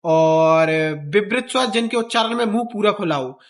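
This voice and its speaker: A man's voice: high-pitched, normal speed. A male teacher explaining the alphabet for exam students, repeating vowel sounds aloud in a sing-song drill. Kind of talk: exam-prep lesson.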